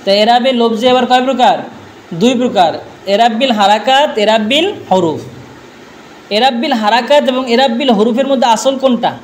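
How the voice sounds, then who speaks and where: Male teacher, very high voice, drills by question and answer, faint background noise. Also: moderate pace. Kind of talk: classroom grammar lesson.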